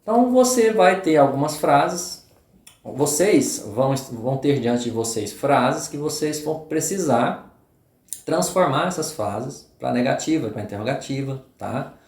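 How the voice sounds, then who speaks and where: A man from Brazil gives a review lesson before a test, walking through each rule and checking in often with short questions. His voice sits at a middling pitch. The recording bounces around an echoey room. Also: expressive, measured pace, a little mellow. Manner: explains step by step, checks in often with short tags. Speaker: English teacher.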